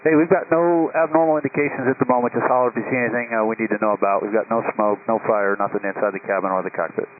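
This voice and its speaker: A man speaking as an airline captain, a pilot over the radio, calm and procedural, in clipped phrases. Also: on the low side, very fast, hardly any pauses. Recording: noisy narrowband aircraft radio transmission.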